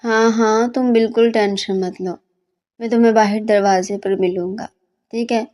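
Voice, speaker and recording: A woman's voice: medium pitch, fairly even intonation, normal speed, mellow, close to an everyday voice. A woman voicing a sleepy young male student who grumbles and mocks with teasing insults.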